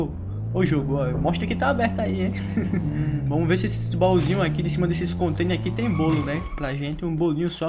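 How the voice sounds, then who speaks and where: Chatty Brazilian gamer with a high voice. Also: male voice, vocal fry. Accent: Brazilian Portuguese. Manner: rambling, playful, talks to himself while playing. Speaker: gaming youtuber. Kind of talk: casual gameplay commentary.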